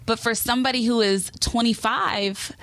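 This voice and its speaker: A woman in her late twenties, a radio host from Los Angeles, telling a story in a relaxed interview and acting out the quotes. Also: fairly high pitch, normal speed, dry recording. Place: indoor studio.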